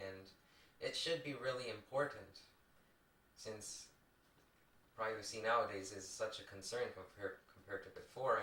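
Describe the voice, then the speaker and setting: A slightly low-voiced man rambles casually to camera, restarting and drifting off topic. His bright, forceful voice comes through an old VHS tape recording. It sounds roomy and picked up from some distance. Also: a little hiss or hum. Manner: rambling, digressive, frequent restarts. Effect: recorded onto old VHS tape. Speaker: video maker.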